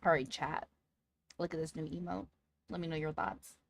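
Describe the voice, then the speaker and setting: A woman livestreamer chatting casually with her audience in a cute, playful, excitable anime-streamer manner. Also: low-pitched, moderate pace, creaky. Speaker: livestreamer talking to chat.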